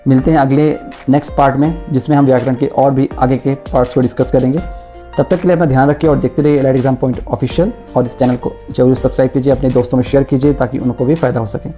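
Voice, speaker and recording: Guy teacher going through grammar, says every word twice, soft warm tone. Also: mid-range voice, steady tone, soft background music. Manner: explains slowly, repeats each sound and word aloud, mixes in English words. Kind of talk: grammar lesson.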